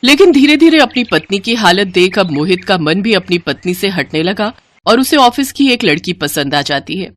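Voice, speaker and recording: A woman narrating a scripted moral story in an even, storytelling manner. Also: medium pitch, normal speed.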